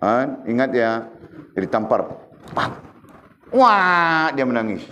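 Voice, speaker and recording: A man's voice: mid-range voice, normal speed. A middle-aged man gives a religious lesson, teasing his listeners and asking them again and again whether they understand. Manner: lively, teasing, keeps quizzing listeners. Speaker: religious teacher. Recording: dull lo-fi room recording with faint background hiss.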